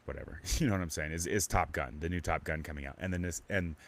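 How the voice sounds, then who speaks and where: A man's voice: deep voice, fast talker, fairly bright tone, slight background noise. A man hosting a casual live podcast, talking in a rambling, stop-start way with lots of restarts and fillers. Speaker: podcast host. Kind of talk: casual live-stream chat.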